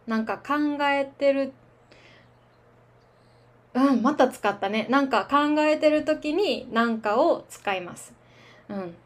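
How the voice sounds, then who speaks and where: Slow, chatty Japanese woman teaching. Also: on the high side. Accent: standard Japanese. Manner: relaxed, chatty, laughs at her own filler words. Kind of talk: slow casual language lesson.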